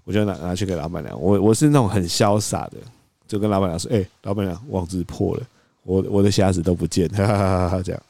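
A man, co-hosting a podcast, telling a story in an animated way and acting out quoted lines. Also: deep voice, quick pace, vocal fry, dry recording. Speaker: podcast co-host. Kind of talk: casual storytelling chat.

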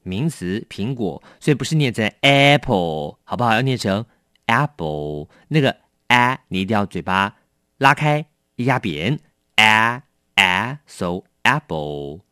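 Man, English teacher, vocabulary lesson, lively, coaxing, very dry sound. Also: mid-range voice, moderate pace, no echo. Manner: lively, coaxing, asks learners questions.

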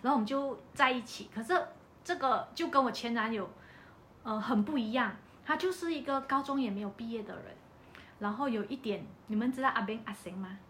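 Slight background noise accompanies a fairly quick, higher-pitched woman telling a personal story on a podcast. She has a Malaysian Mandarin accent, keeps things casual, and brings the quoted dialogue to life with animated voices.

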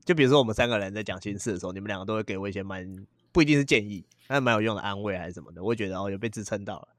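A man's voice: lowish voice, dry recording, studio quality. A man, co-hosting a podcast in casual chat and telling self-deprecating stories. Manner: fast, joking, self-deprecating storytelling. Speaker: podcast co-host.

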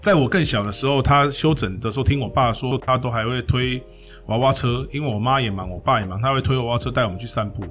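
A man's voice: mid-range voice, fairly bright tone, faint music behind. Middle-aged man rambling on. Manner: rambling, lots of quick repeated "dui". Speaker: podcast co-host. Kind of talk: casual chat.

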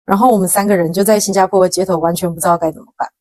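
A young Taiwanese woman hosts her own podcast, telling a story at a rapid clip and acting out the lines of the people in it. Her Taiwanese Mandarin accent comes through plainly, and the close mic sounds dry, with no room around her. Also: lowish voice, no room sound. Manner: animated, dramatic retelling with quoted dialogue and slang. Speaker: podcast host. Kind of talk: casual storytelling monologue.

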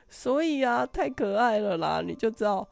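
A woman's voice: fairly high pitch, slow, creaky, no room sound, soft background music. An older woman, hosting a podcast and telling stories casually, with frequent laughter. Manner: laughs often, animated anecdotal telling. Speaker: podcast host. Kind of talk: casual storytelling.

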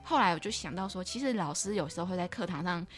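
A young adult woman with a Taiwanese Mandarin accent hosts a casual podcast interview, reflectively telling personal stories. Her voice is fairly low, animated and fast. She's a podcast host and also writes radio dramas.

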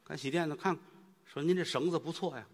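A man telling a fast crosstalk comedy routine, punching his story with sound effects and quick switches between characters. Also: on the high side. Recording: long hall reverb.

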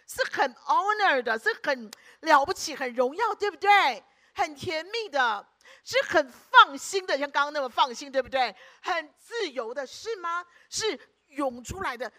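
High, bright-voiced woman preaching. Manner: emphatic, keeps asking the congregation rhetorical questions. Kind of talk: sermon.

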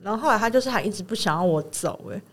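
A woman's voice: medium pitch, very fast. A woman in her twenties from Taiwan, speaking as a podcast co-host. She tells a story in casual chat and acts out the quoted lines. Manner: animated retelling, acts out quoted dialogue.

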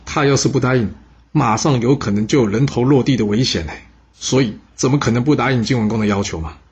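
Husky-voiced man telling history. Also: mid-range voice, fast talker, a little mellow, dull audio. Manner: chatty, asides to the listener. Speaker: podcast storyteller. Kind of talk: casual history storytelling.

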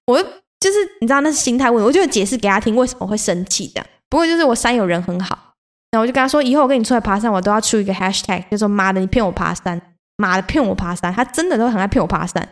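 Fast-talking animated young woman. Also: a little high. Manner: animated, swears freely, acts out her own outbursts. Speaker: podcast host. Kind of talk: casual solo storytelling.

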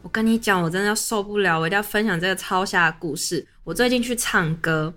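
A young woman with a Taiwanese Mandarin accent, hosting a podcast and telling a story in an animated, chatty way. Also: medium pitch, fast, faint music behind. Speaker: podcast host. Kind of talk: casual storytelling chat.

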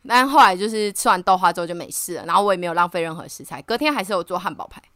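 A woman tells a story in a casual podcast chat, talking fast and laughing easily. Her voice is bright and sharp. The sound is dry and close. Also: lowish voice, no room sound. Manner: animated, laughs often while telling a story. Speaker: podcast co-host. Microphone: remote online call.

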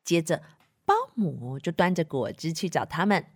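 A woman reading a picture book aloud to children in an animated, playful way, asking them questions and making sound effects. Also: low voice, normal speed, slightly rough. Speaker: children's storyteller.

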